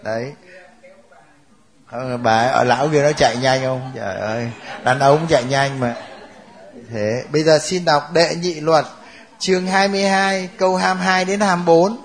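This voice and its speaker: A man's voice: fairly high pitch, fairly even intonation, normal speed. A man teaching a Bible class, joking and laughing with his students.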